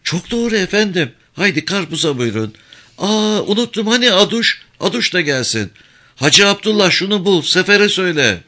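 A man's voice: high voice, sing-song, moderate pace, bright, forceful tone, voice pushed up, exaggerated voice. A man reading a novel aloud, voicing a brash, teasing woman who hosts guests with bossy banter. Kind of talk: audiobook character reading.

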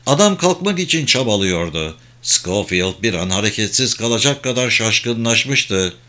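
A man reading a thriller novel aloud in a measured, dramatic narration. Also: lowish voice, lively intonation, bright, forceful tone. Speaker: audiobook narrator. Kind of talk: scripted audiobook narration.

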